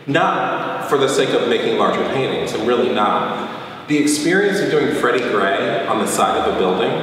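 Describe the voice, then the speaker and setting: Recorded from afar in an echoey, roomy space with slight background noise, a middle-aged painter talks about his art in an interview. His voice is fairly low and a bit bright, and he muses thoughtfully, often closing a point with "right?".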